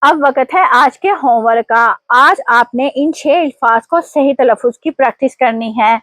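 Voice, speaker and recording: A woman teacher giving an online language lesson, explaining pronunciation rules slowly and quizzing her viewers. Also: sits high, a bit bright, no echo. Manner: slow, deliberate explanations with quiz prompts.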